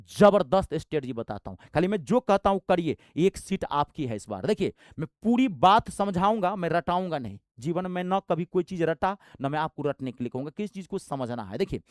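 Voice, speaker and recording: A man's voice: a little high, no room sound, studio quality. A man, giving a fiery, blunt motivational exam-prep talk as a coaching teacher, with rustic slang.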